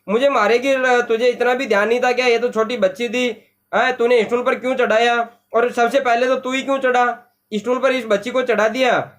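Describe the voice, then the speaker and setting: A man's voice: extremely high pitch, fairly bright tone. A man voicing an older boy who bosses and scolds his little sister. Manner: scolding, bossy.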